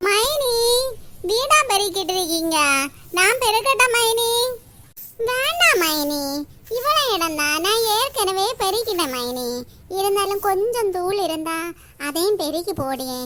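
A talkative village auntie from a homemade cartoon bustles through her chores in a very high, bright voice, as a woman acts her out. She fusses over every little household detail. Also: lively intonation, a little slow, a little hiss or hum, full character voice. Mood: fussy. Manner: homely, fussing, talkative. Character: chatty middle-aged village woman relative. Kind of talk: Tamil cartoon voice acting.

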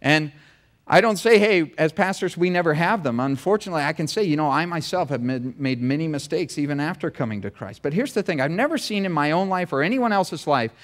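A male pastor preaching a sermon, retelling scripture like an animated, joking play-by-play. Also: on the high side, a little fast. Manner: animated, humorous storytelling.

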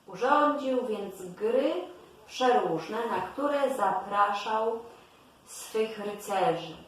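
A woman reads a fairy tale aloud at an unhurried, careful pace, like a storybook narrator. Her voice comes from some distance off in a very echoey room. A faint hiss sits underneath. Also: medium pitch, animated. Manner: slow, deliberate storytelling delivery.

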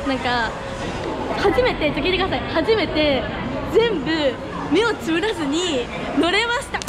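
A young adult woman chatting casually as a vlog host, gushing excitedly with slangy, repeated exclamations, recorded outdoors on a handheld camera. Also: sits high, very noisy. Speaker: host reporting on amusement park rides. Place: outdoors at amusement park ride entrance. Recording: loud music and crowd, outdoor park.

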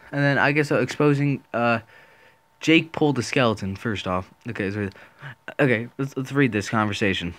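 A man's voice: medium pitch, a bit bright. A man making a casual commentary video, rambling and indignant, often restarting his sentences. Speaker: small online video creator.

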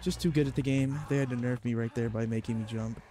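A man's voice: mid-range voice, fairly even intonation, fast talker. A young man with a stuffy, congested voice giving casual gameplay commentary, boasting jokingly about his skill and swearing when things go wrong. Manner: self-mocking, joking boasts, swearing in panic. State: congested from a cold. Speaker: gaming video creator. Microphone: desk mic. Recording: game music playing behind voice. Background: game music.

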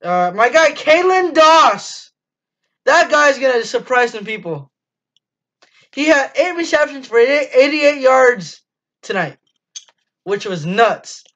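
A teenage boy with a very high, sing-song, fairly bright voice speaks slowly and pauses often. He's hosting a casual postgame sports review monologue for his fan channel from a small dim room, enthusiastic but full of ums and restarts. The recording is dull lo-fi webcam audio.

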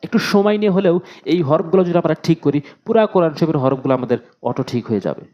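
A man teaching correct Quran pronunciation, slowly repeating Arabic letter sounds and explaining where each is formed in the mouth. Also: on the high side, animated, lo-fi sound. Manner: slow, drawn-out repetition of Arabic letter sounds; patient, instructive, urges viewers to practise.

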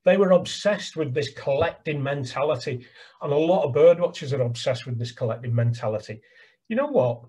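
An older Englishman, a birdwatching guide, chats enthusiastically about birdwatching on a casual laptop video call from a small room at home, picked up by his webcam. His voice is medium-pitched, expressive, mellow and a little breathy, moving at a fairly quick pace, and he repeats words as he talks.

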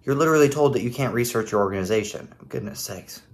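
A man's voice: medium pitch, quick pace. A man in his thirties hosting a casual, critical commentary video from home, with a sarcastic edge. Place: living room at home.

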